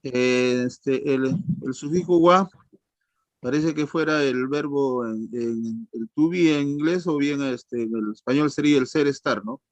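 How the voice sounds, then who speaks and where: A man's voice: mid-range voice, measured pace, dry recording. A man student asking a hesitant question in an online class. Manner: hesitant, many fillers.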